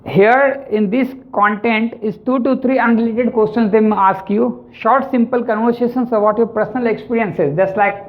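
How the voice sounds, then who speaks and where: A man with an Indian English accent gives a spoken lesson on exam tips in a very high, steady voice at normal speed, barely pausing. He repeats himself and keeps tacking "right?" and "actually" onto his lines. The audio is tinny, like a phone.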